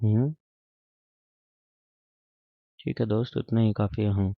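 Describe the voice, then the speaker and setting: A man's voice: lowish voice, fairly even intonation, slow pace, gravelly, no echo. Playful male accounting teacher. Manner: playful, bantering with students. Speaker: commerce teacher. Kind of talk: whiteboard accounting lesson. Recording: dull, dry lo-fi sound.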